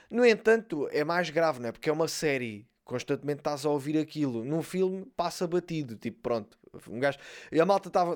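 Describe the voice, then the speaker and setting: A man from Portugal with a European Portuguese accent, a comedian talking in a casual monologue, animated and slangy, acting out quoted lines. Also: fairly high pitch. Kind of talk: casual stand-up style monologue.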